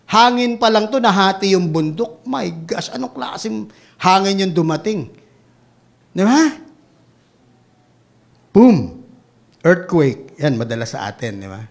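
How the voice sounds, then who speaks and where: Filipino male preacher, fairly high voice, animated delivery with sudden quiet asides. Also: moderate pace, vocal fry. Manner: animated preaching, swings between loud exclamations and hushed asides. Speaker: pastor. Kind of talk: sermon.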